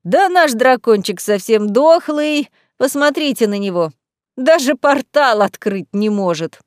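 Woman doing a big mean estate boss, loud and sneering, dry close sound. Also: a little high, animated, measured pace, no echo. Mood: jeering. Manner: coarse, jeering, loud. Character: brutish mocking male Verg estate owner, villain.

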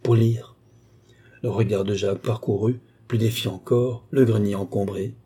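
A man narrating a classic novel as an audiobook in a steady, even storytelling manner. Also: fairly low pitch, moderate pace, breathy edge. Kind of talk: scripted narration.

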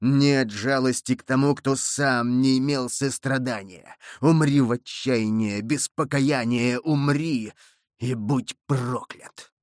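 A man's voice: mid-range voice, steady tone, slow, no room sound, clean studio sound, close to an everyday voice. A man reading an audiobook and voicing a young avenger disguised as a monk, stern and accusing. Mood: merciless.

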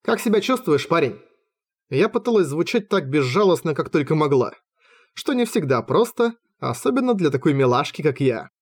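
A man's voice: fairly high pitch, very animated, moderate pace, slightly rough. Man narrating a wry fantasy audiobook. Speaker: audiobook reader. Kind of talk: first-person audiobook narration.

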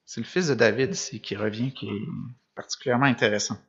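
Speaking fast with fairly even intonation, a mid-range male preacher reads gospel texts and then comments on them. His explanation leans on rhetorical questions and includes restarts. A screen sits behind him in what looks like a church or meeting room, and the audio is dull and lo-fi.

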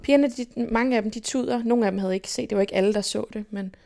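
A young woman from Denmark, telling stories from her life as an interview guest in a lively way and acting out what people said. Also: medium pitch, vocal fry. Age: young adult. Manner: lively, animated retelling with quoted inner speech. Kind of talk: casual personal storytelling.

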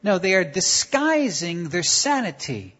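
A preacher giving a sermon in English, pausing for an interpreter, acting out the story with animated voices. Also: mid-range voice, husky, highs cut off. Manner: animated, acts out the story with stutters and shouts.

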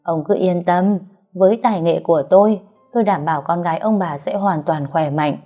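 A woman's voice: lowish voice, normal speed, highs cut off, faint music behind, natural voice. A woman voicing a self-assured old male exorcist who brushes off worry in an offhand way. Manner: offhand, confident, dismissive of worry. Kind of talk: audiobook character reading.

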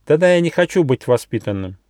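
A man voicing a small, timid and cheeky young mouse in a fairy tale, squeaky and quick to take offence. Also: big pitch swings, a little mellow, no echo, studio quality. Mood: squeaky, sulky.

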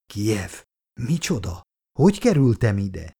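Man as confused amnesiac patient, low, quiet, rough-edged. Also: sing-song, full character voice. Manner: quiet, dry, hoarse-sounding replies.

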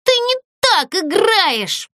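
A woman voicing a bratty, spoiled young girl doll in a storybook, shrill and bossy. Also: sing-song, a little slow, sharp tone, no room sound, clean studio sound, exaggerated voice.

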